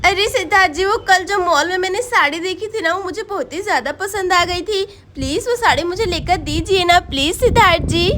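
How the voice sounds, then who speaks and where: Woman voicing Pinky, a high whiny pleading wife. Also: brisk, few pauses, bright, forceful tone, slight background noise. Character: young wife, pleading and sulky. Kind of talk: doll story voice acting.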